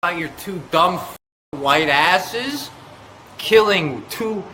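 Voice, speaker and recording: A drunk man with a fairly high voice rambles and yells belligerently. His talk is slangy and profane, peppered with "bro". The recording is echoey, with clear noise around him. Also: animated, slow. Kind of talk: confrontational street talk, profane taunting. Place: public library property. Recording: roomy, noisy on-the-scene recording.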